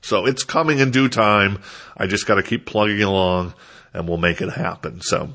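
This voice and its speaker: With a stuffed-up nose, a Minnesotan podcast host rambles alone at the mic, casual and self-deprecating. His lowish voice comes across bright and forceful at a moderate pace.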